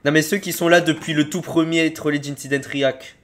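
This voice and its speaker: A man with a French accent doing casual reaction commentary, excitable and slangy, with loud outbursts. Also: fairly high pitch, moderate pace. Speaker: video reactor host.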